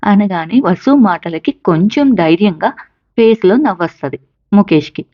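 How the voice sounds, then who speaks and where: A woman narrating a fan story in a plain, steady retelling style. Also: mid-range voice, moderate pace, no room sound, dull audio. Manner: plain, steady retelling with many "she says" tags.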